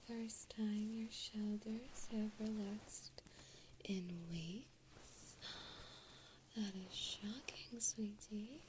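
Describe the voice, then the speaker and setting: A woman's voice: medium pitch, fairly even intonation, very slow, noisy background. A woman whispering a doting, teasing ASMR roleplay into a close microphone. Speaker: ASMR creator. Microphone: close microphone, mouth near the ears.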